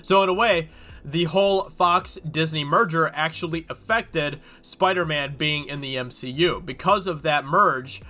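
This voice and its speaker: At a measured pace, a man with a cold and a sharp, somewhat high voice comments on a news article as a YouTube host. His congested delivery is casual and rambling, packed with fillers.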